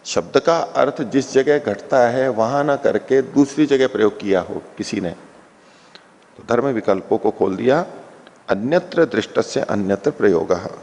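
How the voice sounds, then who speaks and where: A man's voice: on the low side, darkish tone, long reverb tail. A man giving an explanatory lecture on a philosophy text as a scripture teacher, patiently repeating and unpacking each term.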